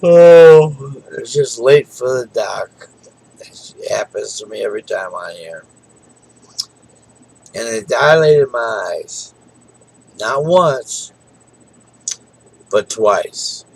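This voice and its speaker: A man's voice: fairly low pitch, lively intonation, slow, gravelly, pauses often, breathy edge, poor audio. A tired middle-aged man talking casually in a rambling, folksy way late at night. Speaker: vlogger.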